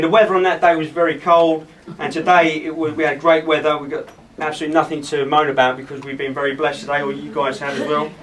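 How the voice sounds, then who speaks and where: A man giving an informal, halting wedding toast speech, often repeating himself as he addresses the guests. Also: fairly high pitch. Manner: rambling, halting, repeats phrases. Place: wedding reception, speaking to gathered guests. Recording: distant mic in a noisy room.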